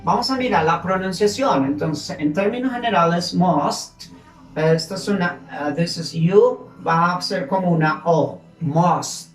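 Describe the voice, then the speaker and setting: A woman teaching an English grammar lesson, explaining slowly and switching between English and as she drills words. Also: fairly low pitch, roomy sound, soft background music, low-quality recording.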